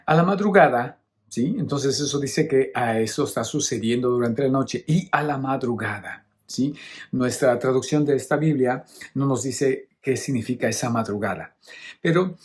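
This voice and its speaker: A man's voice: medium pitch, moderate pace. A middle-aged man, a priest preaching a homily on a Bible reading. He explains each point patiently and keeps checking in with his listeners. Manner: teacherly, often checks in with the listeners.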